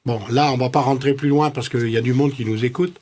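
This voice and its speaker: A man's voice: mid-range voice, fairly even intonation, fast talker, darkish tone. A man chatting casually as he gives spiritual numerology readings, in an informal, joking and teasing way. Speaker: numerologist guest giving readings to callers.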